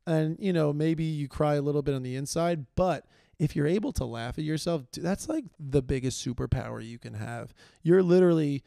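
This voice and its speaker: A young man hosts a solo comedy podcast from a small room, filmed on video, rambling through a casual monologue full of self-deprecation, fillers and restarts. His voice is slightly high, creaky and dark-toned, and he talks fairly quickly with barely a pause. The studio-quality recording is dry, with no echo.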